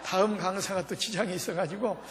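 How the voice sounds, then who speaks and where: A man preaching a revival sermon, talking fast and firing rhetorical questions at the congregation. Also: sits high, slight background noise. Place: large church hall. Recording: long reverb of a large church hall.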